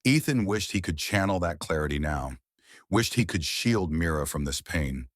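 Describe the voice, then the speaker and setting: A man narrating a family drama story in a measured, dramatic way. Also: low-pitched, expressive, dry recording, clean studio sound. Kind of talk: scripted narration.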